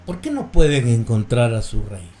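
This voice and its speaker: A man preaching a sermon in a Guatemalan Spanish accent, reading scripture and explaining it in a slow, measured way, often calling his listeners brothers. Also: mid-range voice, sing-song, mellow, roomy sound, soft background music.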